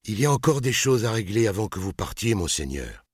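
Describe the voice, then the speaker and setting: A man voicing a tense middle-aged master builder who keeps a forced calm. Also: fairly low pitch, brisk, husky, dry recording, clean studio sound, voice pushed up. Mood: pleading.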